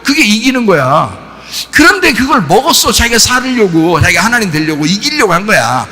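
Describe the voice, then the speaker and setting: A man preaching a sermon as a pastor. He keeps asking the congregation questions and breaks into sudden shouts. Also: high voice, fairly quick, in a large hall. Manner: animated, rhetorical questions to the congregation, bursts of shouting. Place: church sanctuary.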